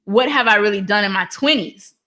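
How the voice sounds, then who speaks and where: Bright, lively woman in her thirties. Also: mid-range voice, a little fast. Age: 30s. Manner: lively, laughing storyteller. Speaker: podcast guest, author. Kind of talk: casual interview chat.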